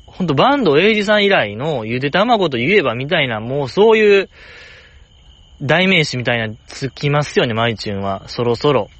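A man with a Kansai accent chatting alone in a rambling, jokey way, jumping up in pitch to stress a point. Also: sing-song, normal speed, fairly bright tone, dry recording. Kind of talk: casual solo chat.

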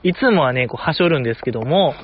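A man's voice: on the high side, expressive, racing. A man hosting a casual solo talk show, rambling with chuckles and mock-formal asides. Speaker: podcast host. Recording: slightly dull, dry recording.

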